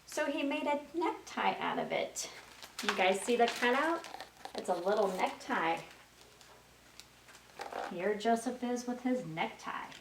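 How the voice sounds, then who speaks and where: Here a storyteller with a fairly high, expressive voice reads to young children at a slightly slow pace, leaving long pauses and prompting them with questions in a sing-song manner. Faint noise and a distant, roomy mic color the recording.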